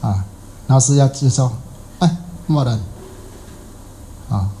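Chatty monk giving a mellow dharma talk. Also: male voice, mid-range voice, animated, slow pace, slight background noise, low-quality recording. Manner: chatty, rhetorical questions, many fillers and repeats. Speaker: Buddhist monk teacher. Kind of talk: colloquial dharma talk with anecdote.

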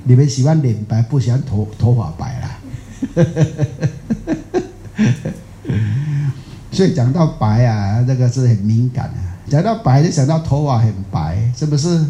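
A man's voice: medium pitch, animated, brisk, hardly any pauses, mellow, reverberant, slight background noise. A man with a Taiwanese Mandarin accent, giving a rambling, folksy Buddhist dharma talk and asking his audience questions. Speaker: Buddhist teacher.

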